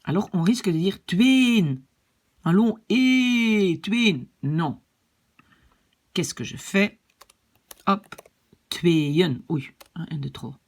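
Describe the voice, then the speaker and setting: A woman's voice: medium pitch, expressive, takes it slowly, pauses often. A woman teaching a language lesson, explaining patiently and checking in with "d'accord?".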